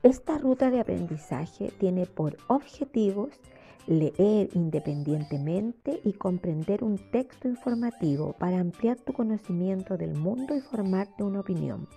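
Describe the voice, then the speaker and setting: A woman teacher with a Chilean accent giving a recorded remote lesson, explaining step by step in a slow, explanatory classroom manner. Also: mid-range voice, animated, creaky, warm tone, husky, faint music behind. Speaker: primary school teacher.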